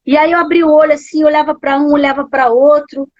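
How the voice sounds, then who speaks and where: A woman's voice: sits high, steady tone, fast, darkish tone. A woman with a Brazilian Portuguese accent, a pastor giving an emotional testimony in a live interview, her voice sometimes breaking. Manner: emotional storytelling, voice breaking at times. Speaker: guest, pastor. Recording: dull lo-fi live stream audio.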